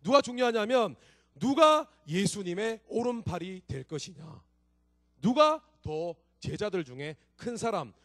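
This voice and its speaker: A man preaching a sermon to young adults in a church, telling the story with lively acted-out quarrels and questions to the congregation. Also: high-pitched, a little slow, no room sound, studio quality. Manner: asks the congregation questions and admits slips. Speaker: pastor. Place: church sanctuary.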